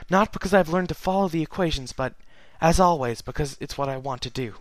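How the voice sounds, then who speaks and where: A regal immortal pony princess, sorrowful and solemn, put on by a male reader. Her voice sits noticeably above his usual register and stays earnest and measured. The sound is dry and close. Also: a little high, no echo, pitched above the performer's own voice, lightly acted. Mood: solemn, wistful. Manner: solemn, earnest letter-reading. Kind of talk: fan fiction reading.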